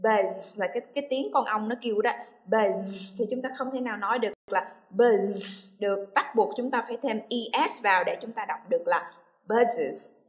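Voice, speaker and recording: Female teacher, a bit high-pitched, patient and methodical, models sounds for learners to repeat. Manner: patient, checks understanding with repeated questions; drawn-out demonstration sounds, models words slowly. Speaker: English teacher. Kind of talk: classroom lesson explaining pronunciation.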